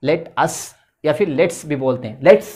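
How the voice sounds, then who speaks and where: A male English teacher with a tinged delivery gives a patient lesson at the board, his voice a little high, animated, slow and warm. He explains things carefully and keeps checking in, repeating "theek hai" often.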